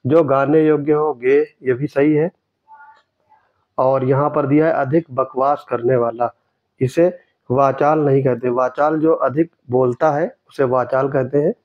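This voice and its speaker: A man tutoring for an exam, going through test answers in a steady way and repeating each key word for emphasis. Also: medium pitch, measured pace, highs cut off.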